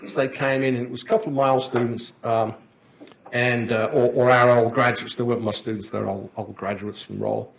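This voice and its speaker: A man's voice: medium pitch, level tone, a little fast, gravelly, slight background noise. An older man giving a conference lecture, rambling through anecdotes and chuckling at his own stories. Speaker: conference presenter. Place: conference hall. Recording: roomy echo of a conference hall.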